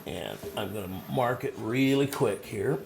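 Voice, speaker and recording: A man's voice: lowish voice, lively intonation, measured pace, vocal fry, background noise. A man casually demonstrating a woodworking technique in a folksy, self-deprecating way while he works.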